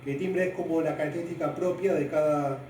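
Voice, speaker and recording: A man gives a physics lesson in a loose, halting way, full of fillers. His mellow voice sits a little high for a man. He is heard from a distance in a very echoey room, with a faint hiss behind him. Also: fairly even intonation. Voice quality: deep-voiced by his own account. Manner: loose, hesitant explaining with many fillers. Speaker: physics teacher.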